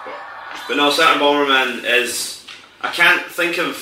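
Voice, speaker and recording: A man's voice: a little high, a little slow, background noise. A young man chatting casually and at length about games he played, with a rambling, swearing manner. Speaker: podcast co-host playing games. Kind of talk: casual banter while gaming. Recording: echoey room from far off, music behind.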